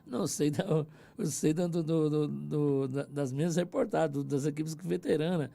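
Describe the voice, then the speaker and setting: Announcer guest from the São Paulo interior with an accent, gravelly and dark voice, talkative and hesitant. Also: male voice, on the high side, fairly even intonation, normal speed. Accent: Brazilian Portuguese, São Paulo interior. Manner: chatty, hesitant, repeats words. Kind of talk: casual radio chat. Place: radio studio.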